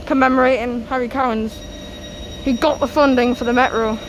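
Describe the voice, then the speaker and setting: A woman's voice: fairly high pitch, fairly even intonation, brisk. A young woman with a North East English accent gives casual vlog commentary through a face mask, slightly muffled, announcing trains as she goes. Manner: announces train numbers and destinations. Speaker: host of a train-spotting vlog. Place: outdoors on a railway station platform. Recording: noisy outdoor station with vehicle noise.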